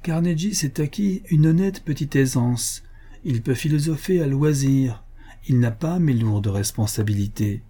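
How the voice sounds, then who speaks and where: A powerful capitalist magnate weighs his words calmly, as a man reading aloud gives him voice. The voice is dark and husky, just a touch raised, and argues in careful, steady measures. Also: mid-range voice, a little slow. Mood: condescending. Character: powerful older male capitalist, cautious.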